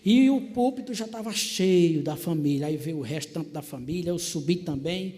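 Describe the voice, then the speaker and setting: A man's voice: a little high, animated, normal speed, warm tone. A man telling his testimony in a packed church, animatedly acting out family members' voices. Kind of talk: preached testimony storytelling. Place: church filled with people. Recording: reverberant church hall.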